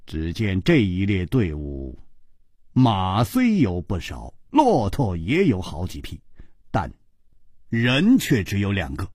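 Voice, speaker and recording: A man narrating a martial-arts story in traditional Chinese storytelling style, with expressive, dramatic delivery. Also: mid-range voice, husky, dry recording, studio quality.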